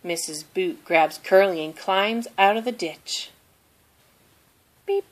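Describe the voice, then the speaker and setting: This woman is a storybook reader, taking a children's picture book at a measured, simple pace. She voices the characters' lines with feeling, at a medium pitch.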